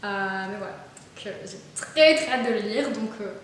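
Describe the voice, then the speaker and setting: At normal speed and in a mid-range voice, a young woman vlogger enthusiastically chats about books she has picked up, restarting sentences and filling gaps with fillers. The room she records in is very echoey, with a faint hiss.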